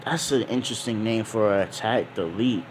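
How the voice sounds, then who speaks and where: A man voicing a rowdy, excitable young male pirate who talks in slang and is easily amazed. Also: lowish voice, moderate pace, a little hiss or hum, natural voice.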